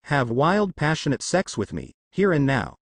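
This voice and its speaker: A man's voice: fairly high pitch, sing-song, moderate pace, vocal fry, no room sound, exaggerated voice. A man voicing a goofy, brash teenage ninja boy who whines and jokes in a storybook reading. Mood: pleading. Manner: whiny and playful.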